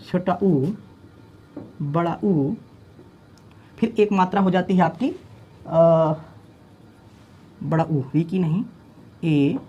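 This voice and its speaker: A man's voice: sits high, slight background noise. Brief: male tutor for an exam-prep lesson, repetitive drilling style, poses questions then answers them himself. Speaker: teacher.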